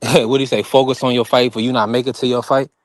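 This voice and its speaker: A channel host from North Carolina runs a boxing stream, talking firmly and preachily in a heated casual chat and speaking over others. His medium-pitched voice is fast and flat, in a dry recording.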